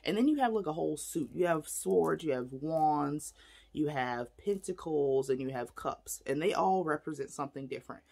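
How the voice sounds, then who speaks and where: A woman's voice: low-pitched, lively intonation, normal speed, gravelly, warm tone, slightly rough. A woman casually explaining divination tools to camera in a chatty, rambling way, showing objects as she talks. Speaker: spiritual teacher. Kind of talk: casual teaching vlog.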